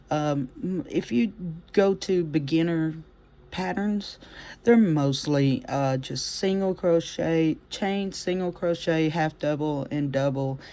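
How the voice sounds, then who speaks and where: A crochet teacher giving a casual step-by-step demonstration in an encouraging, folksy way, talking each stitch through out loud. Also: mid-range voice. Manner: chatty, encouraging, repeats steps aloud; homespun, folksy phrasing.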